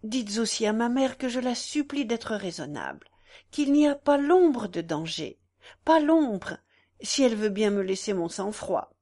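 A woman voicing a young nobleman who speaks gently and soothingly, in a slow audiobook reading. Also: a little high, big pitch swings, exaggerated voice. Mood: gentle. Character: young nobleman, gentle and composed before a duel.

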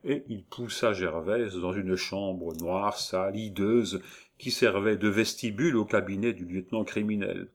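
Male narrator for a classic audiobook, low and measured. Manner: measured, even storytelling.

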